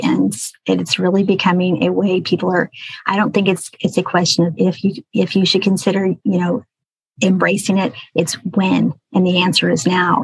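A woman's voice: on the low side, gravelly, husky, no room sound, low-quality recording. A woman speaking as an expert podcast guest, explaining things conversationally with examples. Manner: explanatory, uses hypothetical examples.

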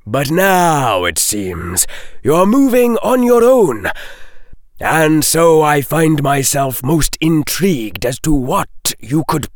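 A man's voice: on the high side, sing-song, slow pace, no echo, clean studio sound, voice pushed up. A man voicing a sardonic, condescending defense professor in an audiobook, with mocking, theatrically articulate delivery. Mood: probing, taunting. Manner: mocking, drawling, sharply emphatic.

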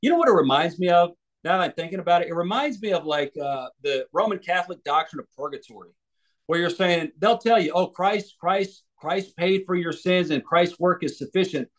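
A man from the United States, an evangelist and author, answering interview questions thoughtfully, with many restarts and fillers. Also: a little high.

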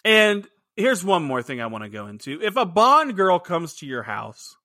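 Male podcast co-host, casual rambling chat, forceful bright tone, dry recording. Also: a little high, sing-song, moderate pace, no room sound. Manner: chatty, laughs often, rambling restarts. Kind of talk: casual movie review chat.

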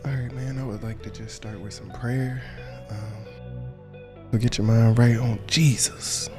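This meditation guide is a man who prays informally and encourages listeners in a relaxed, colloquial manner while music plays underneath. He speaks unhurriedly at a medium pitch with a flat delivery.

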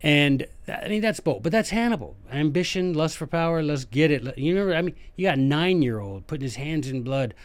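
A man hosting a history podcast, telling the story in a casual, jokey way, acting out quick voices for historical figures and dropping to a near whisper for asides. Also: fairly high pitch, lively intonation. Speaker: podcast host.

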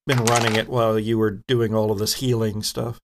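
Acting as game master for a tabletop role-playing game, a man narrates in a conversational, improvised way, pausing as he describes scenes. His voice sits on the low side with a level tone.

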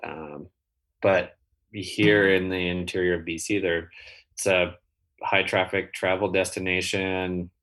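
A man being interviewed as a guest, talking casually in halting phrases with many restarts. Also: low voice, little pitch movement, fairly bright tone. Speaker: guest, builder and rental owner.

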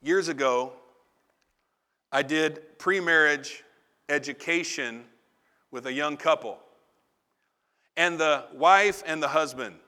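A man's voice: a little high, pushed and bright. A man preaching a sermon in a conversational, confessional way, with asides to the congregation. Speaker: pastor.

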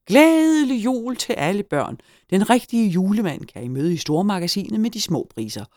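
A woman voicing a formal department store loudspeaker announcer, in a storybook reading. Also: medium pitch, sing-song, dry recording, clean studio sound, voice pushed up, lightly acted. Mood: announcing.

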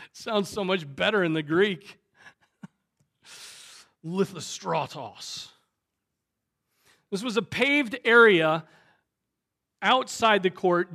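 A male pastor with a Southern American accent, preaching a sermon with dramatic swings in loudness. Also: high-pitched. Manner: dramatic, voices the crowd's shouts loudly.

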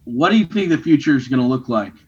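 A man's voice: mid-range voice, lively intonation, quick pace, noisy background. A male podcast co-host chatting casually and laughing often, his voice muffled as if he were talking into a trash can. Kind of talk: casual chat. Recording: dull, muffled lo-fi remote recording.

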